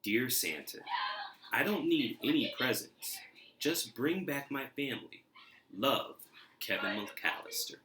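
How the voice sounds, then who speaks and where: A man's voice: mid-range voice, very animated, slow pace, sharp tone, pitched above the performer's own voice, exaggerated voice. A man voicing an eager, tender young boy in a children's storybook reading. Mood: earnest, longing. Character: eager, tender eight-year-old boy.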